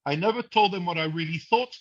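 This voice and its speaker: A Moroccan man in his seventies, an audience member asking a question, delivers an impassioned monologue on a video call, earnest and blunt. He has a high voice and talks fast. The recording is muffled.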